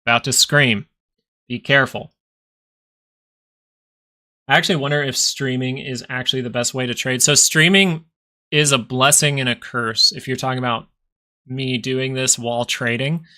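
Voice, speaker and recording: A young man with a nasal, mid-range voice hosts a live stock market stream, chatting with viewers and commenting on the market. His intonation stays fairly even and his tone is sharp, and he moves at a moderate pace with frequent pauses. He thinks aloud in casual, rambling talk, often restarting his sentences.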